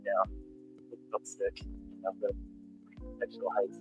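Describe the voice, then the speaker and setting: A man on a video call, his voice low-pitched and drifting away from the mic as the audio glitches and cuts out. He rambles in halting pieces, full of fillers, in a casual tech chat. The sound breaks up and turns corrupted mid-sentence. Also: completely flat delivery, dull audio, soft background music. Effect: glitchy call audio cutting out. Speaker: software developer guest. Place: home, with a fan running.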